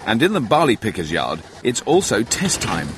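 A man's voice: lowish voice, huge pitch swings, normal speed, a bit bright, slight background noise. A man presenting and narrating television in a jokey, playfully exaggerated way.

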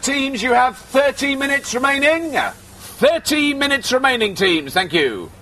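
A man's voice: very high voice, expressive, a little slow, background noise. A man making a formal timekeeping announcement to teams.

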